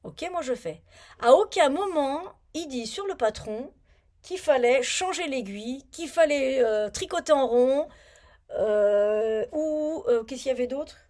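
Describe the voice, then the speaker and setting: A chatty woman talking through her knitting projects in a relaxed vlog, her voice sitting a little high. She rambles, mutters to herself while searching for her things, and grumbles when something annoys her. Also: a little slow. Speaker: knitting vlogger. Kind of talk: casual knitting vlog chat.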